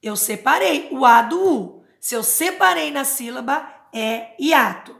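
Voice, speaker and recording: A woman teacher giving a slow, patient grammar lesson to children, sounding out words syllable by syllable and checking in with short questions. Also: high voice, expressive, creaky, a bit bright, roomy sound. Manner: checks understanding with tag questions.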